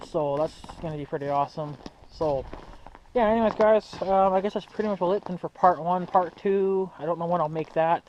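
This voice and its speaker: A young man with a high, fairly quick and slightly mellow voice hosts a hobbyist vlog, chatting casually to viewers. He rambles and uses slang as he thinks aloud, on a muffled, noisy amateur recording.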